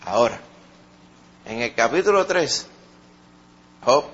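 A man with a Puerto Rican accent preaching a sermon, swinging between loud emphatic peaks and soft, low asides. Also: expressive, slow, muffled recording.

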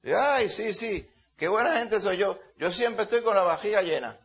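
A man's voice: high voice, animated, moderate pace, a bit bright, pitched above the performer's own voice. A preacher mimicking a smug, self-satisfied man who boasts that he lacks nothing. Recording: dull lo-fi sound.

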